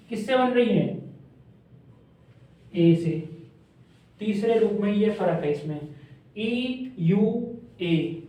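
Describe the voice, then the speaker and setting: Slow, high-voiced male teacher in an echoey room. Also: a little mellow. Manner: drills pronunciation, asks and answers his own questions. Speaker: shorthand teacher. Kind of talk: classroom lesson. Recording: echoey room, distant mic, dull sound.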